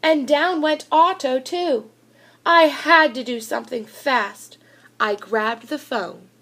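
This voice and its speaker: Reading an expressive children's picture book aloud, this high-voiced woman, who reads children's books at a school, takes her time. She tells the story in a lively, deliberate way, stressing words with plenty of expression.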